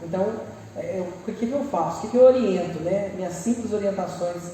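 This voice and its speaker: Woman preacher, Brazilian accent, dark mellow tone, heard from far off in a ringing hall, lively, acts out prayers. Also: medium pitch, fairly quick, a little hiss or hum. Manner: lively, acts out quoted prayers with humorous asides. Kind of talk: church sermon. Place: large church hall. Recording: echoey church hall, mic far off.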